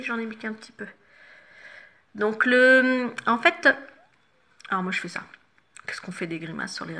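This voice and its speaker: A woman's voice: a little high, bright, forceful tone. A woman makeup vlogger chatting casually through a tutorial at home, with many fillers and self-corrections. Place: home, no studio lighting.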